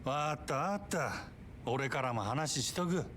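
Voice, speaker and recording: An actor playing a blunt cabaret manager in a video game, with a gruff manner and an Osaka Japanese accent. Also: male voice, a little high, animated, fast, fairly bright tone, a little hiss or hum. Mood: exasperated. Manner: gruff, blunt, rough colloquial speech. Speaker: club manager.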